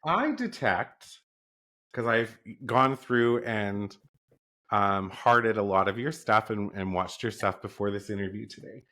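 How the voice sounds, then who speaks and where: An East Coast North American man hosts an interview podcast, gushing casually and effusively about his guest with frequent "um" and "like." His lowish voice is expressive, bright and forceful, and his pace is measured and enthusiastic.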